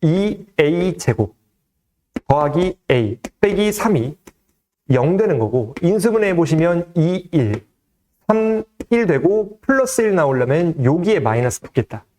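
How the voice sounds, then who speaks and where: A man's voice: fairly high pitch, a little slow. A man teaching math, explaining an exam problem step by step in a conversational way and often asking his students questions. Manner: lively, conversational teaching with frequent rhetorical questions. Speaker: math tutor. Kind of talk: exam solution lecture.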